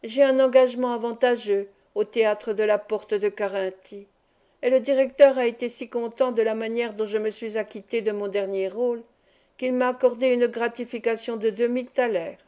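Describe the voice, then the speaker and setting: A woman's voice: fairly high pitch, steady tone, normal speed, warm tone, clean tone, natural voice. A woman reading the part of an earnest young actor in love, in a dreamy, eager manner, for an audiobook. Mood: ardent.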